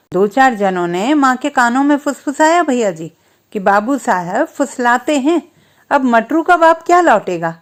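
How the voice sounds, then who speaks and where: Woman storyteller, high voice, earnest first-person boy narration.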